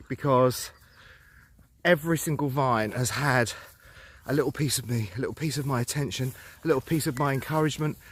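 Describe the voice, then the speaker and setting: A middle-aged man walking outdoors through fields while filming himself, talking in a playful mock-serious way and a little out of breath. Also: mid-range voice. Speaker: vlogger. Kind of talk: walking vlog to camera, mock news report.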